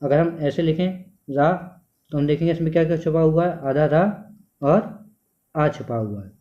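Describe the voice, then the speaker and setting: A man's voice: a little high, moderate pace, warm tone. A male teacher giving a classroom lecture, asking the class questions and then answering them himself. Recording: dull lo-fi sound.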